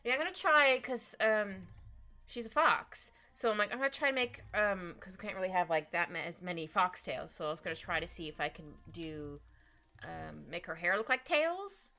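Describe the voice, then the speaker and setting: This woman's voice runs on the low side, animated and bright with a pushed quality, at a moderate pace. She's drawing on a livestream and chatting casually, giggly and bubbly, wandering into asides through a slightly stuffy nose while music plays in the background.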